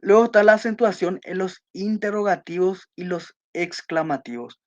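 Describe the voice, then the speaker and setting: A Spanish teacher giving an online class, explaining accent rules and slowly reading out example sentences, checking in with her students. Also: lowish voice, a little mellow, lo-fi sound. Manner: checks in with students by asking questions.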